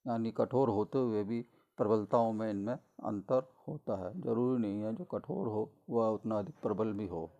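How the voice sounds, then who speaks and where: Man, chemistry lecturer, gravelly, dark voice, measured explanatory pace, middle-aged. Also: on the low side, lo-fi sound. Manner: measured explanatory delivery with frequent fillers and self-corrections. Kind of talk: recorded college lecture.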